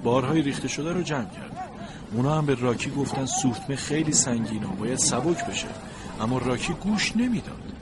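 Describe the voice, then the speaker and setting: Male storybook narrator, expressive, animated pitch, noisy bed. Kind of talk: storybook narration from a sled dog's view.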